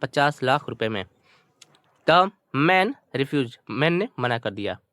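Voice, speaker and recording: An Indian man, a native Hindi speaker, tutors English with lively, swooping intonation at a medium pitch, reading a story's phrases slowly word by word. He then explains them in Hindi, colloquially and repetitively, on a dry, close recording.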